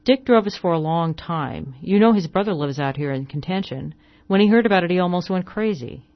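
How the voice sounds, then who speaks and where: Reader putting on a fussy grumpy agent guy, higher and louder, whiny, kinda dull lo-fi sound. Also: lively intonation, brisk, natural voice. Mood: fretful. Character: irritable fussy male hotel agent.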